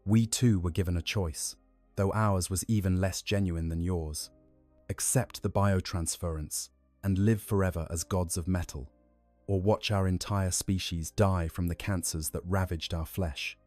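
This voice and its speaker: A man voicing an ancient, curious male Necron lord in a measured, formal way. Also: low voice, fairly even intonation, a little mellow, no room sound, soft background music. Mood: cold.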